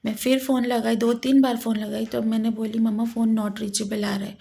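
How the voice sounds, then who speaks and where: A woman telling a personal story with emotion, halting and repeating herself. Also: on the high side, level tone, vocal fry, mellow. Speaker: vlogger.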